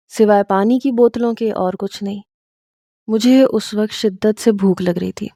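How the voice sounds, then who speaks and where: A woman narrating a first-person romantic story in a steady, earnest way. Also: on the high side, no room sound, studio quality.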